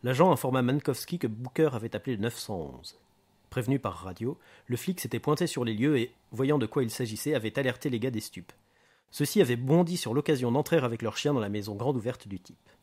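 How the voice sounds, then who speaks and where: A man reads a novel aloud in a steady, measured narration. His voice sits at a middle pitch and moves along at an even pace. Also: husky. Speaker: reader. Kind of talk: audiobook narration.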